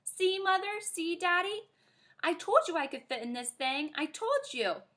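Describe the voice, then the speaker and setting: A woman voicing a spirited, dramatic little girl who pleads and shouts excitedly. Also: very high voice, a little slow, pitched above the performer's own voice, full character voice.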